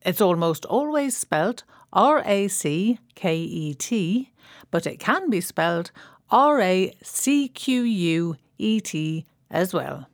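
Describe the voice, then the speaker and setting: A woman presenting a scripted language lesson, speaking clearly and spelling words out letter by letter. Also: lowish voice, big pitch swings, slow, no room sound, studio quality.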